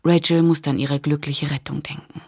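A woman narrating an audiobook thriller in an even, measured reading voice. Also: sits low, slightly rough. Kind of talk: scripted narration.

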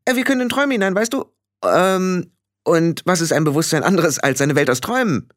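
A man doing a tiny, high-pitched fairy man. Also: expressive, brisk, dry recording, studio quality, natural voice. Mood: patient. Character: tiny fast-talking fairy man, earnest and eager. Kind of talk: audiobook character voice.

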